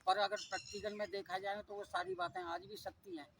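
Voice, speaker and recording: A man talking casually about scripture in a devotional discussion, animated and repeating words as he searches for them. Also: high voice, brisk, vocal fry, far from the mic, noisy background. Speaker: satsang discussion participant.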